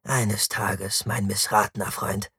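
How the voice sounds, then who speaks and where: A man voicing a careful, pedantic young male tactician who speaks in a measured, precise way, in an audiobook. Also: lowish voice, little pitch movement, gravelly, bright, forceful tone, slightly rough, dry recording, studio quality, heavily acted. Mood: calm.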